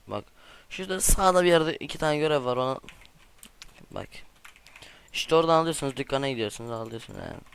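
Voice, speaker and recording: Male gaming creator, mid-pitched smooth voice, excitable trash talk mixed with chatty asides to the audience. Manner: excitable, trash-talking outbursts at opponents; chatty, addresses viewers directly. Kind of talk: casual gameplay commentary.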